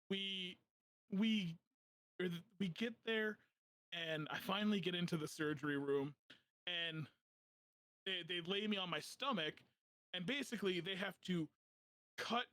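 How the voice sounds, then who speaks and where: A young man hosting a podcast, telling a funny personal story in a casual, animated way, often laughing as he talks. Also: high-pitched, clear, resonant tone, dry recording. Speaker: podcast host.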